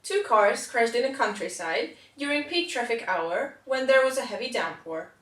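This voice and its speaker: A woman's voice: on the high side, expressive, moderate pace, fairly bright tone. A woman playing an earnest parody news anchor, reading mock news in a formal delivery. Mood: solemn, formal. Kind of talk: scripted mock news report. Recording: roomy, echoing amateur recording.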